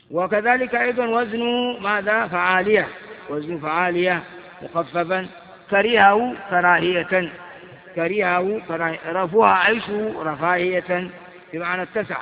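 A man's voice: high-pitched, gravelly. A man teaching a grammar lesson, reciting word patterns and examples and asking his listeners questions. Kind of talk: Arabic grammar lesson explaining verbal noun patterns. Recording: dull recording with long hall reverb.

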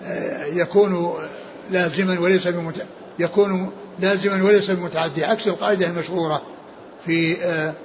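A man teaching a classical text in a lecture, pausing often and repeating words as he explains. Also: high-pitched, steady tone, muffled recording, slight background noise. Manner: halting, many repeated words and restarts. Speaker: hadith teacher.

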